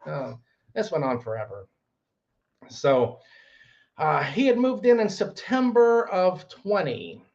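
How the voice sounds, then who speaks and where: A middle-aged man telling a rambling landlord story, acting out quotes in sudden shouts. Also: on the high side, big pitch swings, slow, vocal fry, long pauses, muffled recording. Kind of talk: casual storytelling vlog.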